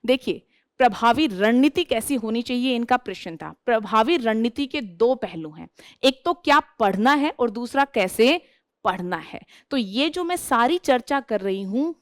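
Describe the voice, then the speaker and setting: A woman's voice: a little high, animated, a little slow, dry recording, studio quality. A woman teacher giving a classroom lecture who keeps asking her class questions and then answering them herself.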